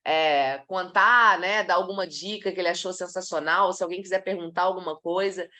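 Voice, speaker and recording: A woman from Brazil giving a live talk to professionals on body language, lively and demonstrative, acting out examples as she goes. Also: fairly low pitch, fairly quick.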